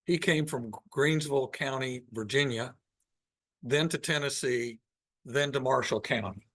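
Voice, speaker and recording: Unhurried and even, this man walks a live audience through his slides in a meeting room at a very slow pace. His voice sits at an ordinary middle pitch. He thinks aloud, with frequent pauses between points, keeping the tone of an informal presentation.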